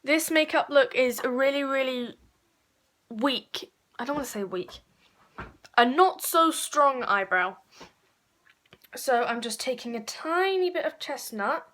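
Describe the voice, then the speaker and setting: A woman's voice: a little high, measured pace, a bit bright. A woman chatting her way through a makeup tutorial, rambling and correcting herself as she goes. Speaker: beauty vlogger.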